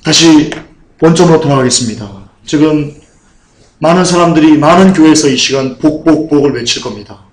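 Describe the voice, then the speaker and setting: A man's voice: fairly high pitch, fairly quick. Emphatic preaching man in echoey room. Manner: emphatic preaching with rising, repeated appeals. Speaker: pastor. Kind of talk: sermon.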